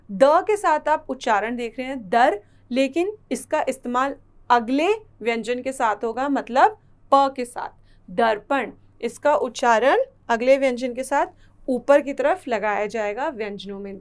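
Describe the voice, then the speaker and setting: A woman teaching a children's lesson, explaining slowly and carefully and repeating each word. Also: sits high.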